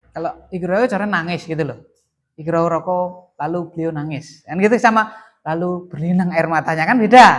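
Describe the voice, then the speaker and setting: Male teacher, classroom lesson, animated emphasis, asks students questions. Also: high-pitched. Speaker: teacher of Arabic grammar. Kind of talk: classroom lesson with call and response.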